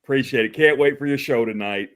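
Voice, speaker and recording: Speaking briskly in a mid-range, fairly bright voice, a Texas man hosts a relaxed livestream talk show. He greets viewers by name with friendliness, frequently calls them brother, and chuckles a lot.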